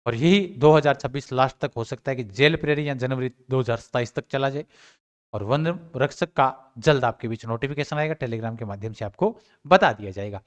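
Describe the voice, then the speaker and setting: A man giving exam updates to students in a casual teaching talk, asking his own questions and answering them. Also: fairly high pitch.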